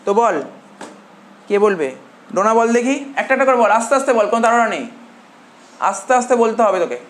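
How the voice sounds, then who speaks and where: A male commerce tutor from India giving a classroom lecture, dictating notes slowly with repeated phrases and quizzing his students as he goes. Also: very high-pitched, expressive. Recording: roomy classroom echo, faint hum.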